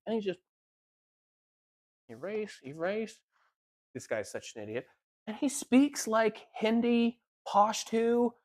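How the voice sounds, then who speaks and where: Podcast co-host, casual rambling chat, mid pitch, animated storyteller. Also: measured pace.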